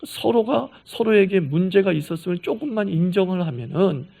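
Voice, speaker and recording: High, gravelly-voiced Korean pastor preaching. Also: male voice, expressive, normal speed. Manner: acts out quoted lines in a gentle conversational voice; asks the congregation rhetorical questions. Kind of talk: sermon. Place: church sanctuary.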